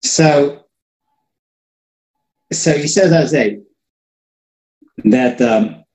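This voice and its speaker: A man with a slightly higher voice gives a loose, conversational religious lesson to a few listeners. He circles back, repeats words and restarts sentences as he thinks aloud. The sound carries a clear room echo. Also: extremely slow, darkish tone. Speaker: religious teacher. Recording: echoey room.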